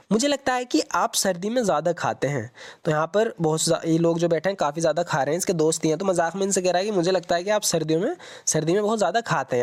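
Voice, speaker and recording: Man slowly explaining English phrases. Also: sits high. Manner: repeats English sentences slowly, then translates. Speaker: English teacher. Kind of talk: explaining movie lines in Hindi.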